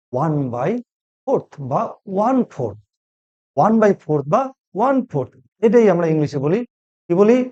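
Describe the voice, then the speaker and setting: Man teaching English in a lively, questioning voice. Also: high-pitched. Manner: asks and repeats questions to the class. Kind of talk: classroom lesson. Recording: dull lo-fi recording.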